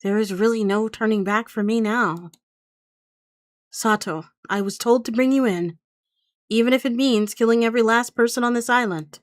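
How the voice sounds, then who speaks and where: A woman's voice: fairly high pitch, moderate pace, no echo, studio quality, close to an everyday voice. A woman voicing a sly, tough young female assassin in a game, who talks in a casual, folksy way. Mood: defiant.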